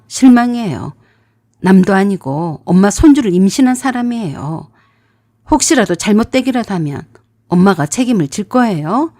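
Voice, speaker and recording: A woman's voice: medium pitch, dark tone, no echo, clean studio sound, lightly acted. A woman voicing a young husband who firmly defends his pregnant wife to his mother. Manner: firm, pleading.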